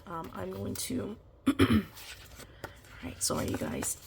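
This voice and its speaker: Her pitch swoops wildly around a medium center, and her slow speech has a creaky quality, with a noisy background behind her. Congested and sick, this woman vlogger rambles through her planner decorating with lots of ums and you-knows as her voice begins to fail. It's a casual plan-with-me chat.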